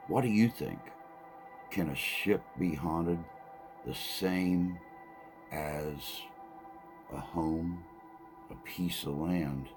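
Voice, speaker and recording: A man with a very deep, gravelly voice hosts a paranormal podcast. He talks slowly, pausing for effect between phrases, with music playing underneath. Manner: deliberate, dramatic pauses. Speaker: podcast host. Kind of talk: slow reflective podcast narration.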